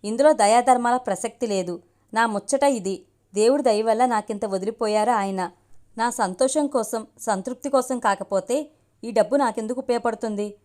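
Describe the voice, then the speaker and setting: A woman's voice: fairly high pitch, moderate pace, a little mellow, lightly acted. Grave older mother, read by a woman storyteller; firm and kindly in an audiobook.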